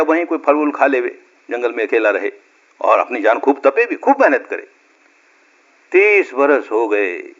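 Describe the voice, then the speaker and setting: A man's voice: medium pitch, a bit bright. A man giving a spiritual discourse, telling parables in a folksy way and acting out the dialogue. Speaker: meditation teacher. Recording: dull lo-fi recording.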